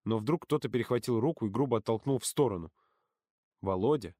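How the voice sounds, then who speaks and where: A man's voice: mid-range voice, lively intonation, brisk, mellow, dry recording. A man narrating a novel with tension and drama. His voice sits in a middle range. The recording is close and dry. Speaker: audiobook narrator. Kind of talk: expressive audiobook narration.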